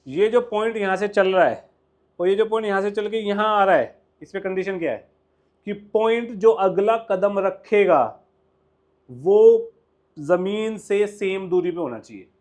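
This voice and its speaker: Indian guy teaching maths in a classroom, kinda high voice, keeps asking the kids questions. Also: unhurried. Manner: lively, coaxing, asks students questions. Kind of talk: classroom lecture mixing Hindi and English.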